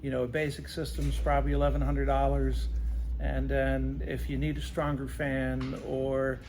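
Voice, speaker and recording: With a completely flat delivery at a moderate pace, a radon remediation specialist speaks in a darkish, mid-range voice during an interview. He explains in simple terms and frequently asks "right?", against slight background noise.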